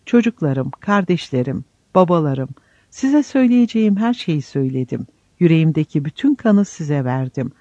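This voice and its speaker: A male narrator voices a serene old friar on his deathbed, tender and solemn, his tone raised a little above the narration. The voice is mellow and warm, and the recording is dry, dull and slightly lo-fi. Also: a little high, very animated, normal speed, no room sound. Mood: tender farewell. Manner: soft, solemn farewells.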